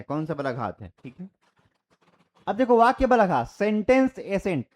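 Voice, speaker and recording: Animated high-voiced grammar teacher. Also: male voice. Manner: explains by repeating and quizzing students. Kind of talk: exam-prep grammar lecture.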